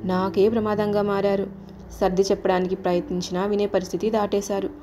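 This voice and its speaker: A woman's voice: medium pitch, little pitch movement, brisk, mellow, faint music behind, natural voice. A woman voicing motherly Earth goddess. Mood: sorrowful. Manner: motherly, scolding then soothing. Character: motherly female Earth goddess, caring but worried.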